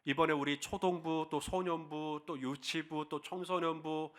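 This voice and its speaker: Male pastor, sermon; high, bright, very lively delivery; leads call-and-response reading, dramatic and impassioned. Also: a little slow. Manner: impassioned, acts out quoted cries.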